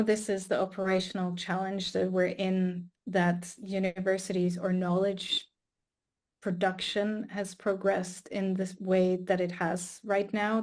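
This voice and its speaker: Over a video call, an Austrian woman who works as an astrophysicist and artist describes her path in a casual, thoughtful conversation. Her voice is medium-pitched and slightly mellow, and she frequently restarts her sentences.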